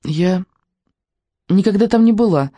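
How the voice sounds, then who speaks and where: A reader voicing Katya, a shy, soft-spoken orphan girl in an audiobook. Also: mid-range voice, measured pace, dry recording, voice pushed up, natural voice. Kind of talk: audiobook character reading.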